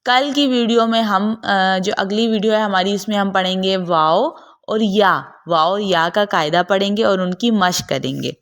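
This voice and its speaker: Woman, tajweed teacher, patient, slow demonstrations, medium pitch. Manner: patient, repeats letters slowly to demonstrate. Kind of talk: explanatory religious lesson.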